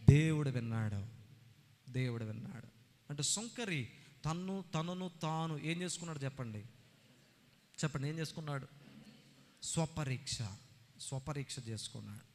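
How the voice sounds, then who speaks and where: A male pastor preaches with a high, ringing voice, firing questions at his congregation and repeating phrases for emphasis. His words carry a long reverb from a large church hall. The delivery is earnest and insistent. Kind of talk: sermon.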